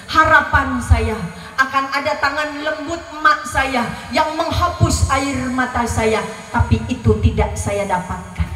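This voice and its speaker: A woman's voice: sits high, measured pace, bright, forceful tone, soft background music. A woman preaching a sermon, telling a story and acting out the dialogue of her mother and her neighbours, often addressing the women listening. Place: large venue at a religious gathering. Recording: echoey hall recorded from far off.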